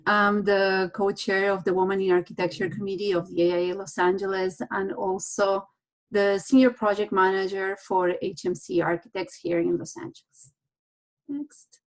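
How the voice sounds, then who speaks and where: A woman's voice: medium pitch, normal speed. Woman, from Uruguay, architect on a panel, personal anecdotes, video call. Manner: personal and anecdotal, some restarts. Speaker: architect and project manager on a panel. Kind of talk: panel presentation with slides.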